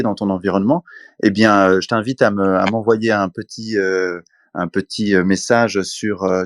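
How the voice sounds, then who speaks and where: A man speaks in an online audio room, measured and full of fillers. His voice is low. The sound is dry and close. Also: no room sound. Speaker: participant.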